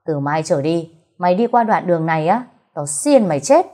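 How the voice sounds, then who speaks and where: A woman voicing a crude male street thug who taunts loudly and fast. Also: fairly low pitch, animated. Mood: defiant. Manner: loud, sneering and fast.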